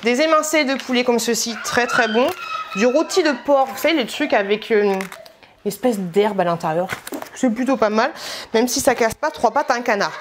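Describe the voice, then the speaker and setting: A woman's voice: a little high, lively intonation, moderate pace, noisy background. A woman vlogger chatting at home in a casual, slangy, rambling way as she shows her shopping. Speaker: vlogger showing a grocery haul. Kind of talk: casual chat.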